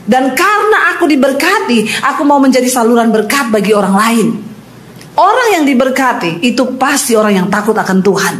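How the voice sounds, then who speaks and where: A woman pastor preaching a lively sermon to a congregation, acting out the people in her stories and putting questions to the listeners. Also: on the high side, moderate pace, reverberant. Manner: animated preaching, acting out quoted voices, asks the congregation questions. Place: church with congregation.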